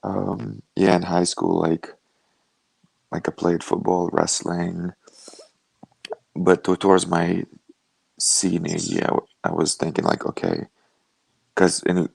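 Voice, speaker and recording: Young guy from lithuania on a video call, super low gravelly voice, rambly laid-back storytelling. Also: slow pace, pauses often, dry recording. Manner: relaxed storytelling, many "like" fillers. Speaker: guest, professional fighter. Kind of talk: casual interview over a video call.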